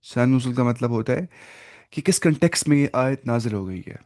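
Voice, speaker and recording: During a Quran lesson in Urdu, a man explains each word's meaning step by step and answers his own questions, weaving in English and reciting Arabic slowly. His medium-pitched voice has a darkish tone and lively intonation.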